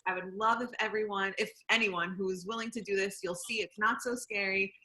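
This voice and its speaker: Bright-voiced young woman hosting a call. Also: medium pitch, fairly even intonation, quick pace, rough recording. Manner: chatty and laughing, with many fillers. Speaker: host of a community program. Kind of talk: casual video-call hosting. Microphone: video call.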